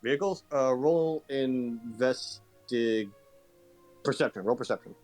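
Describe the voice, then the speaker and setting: A man's voice: mid-range voice, slow, a little mellow, faint music behind. A man narrating a tabletop game as game master over an online call, hesitant and restarting his sentences often.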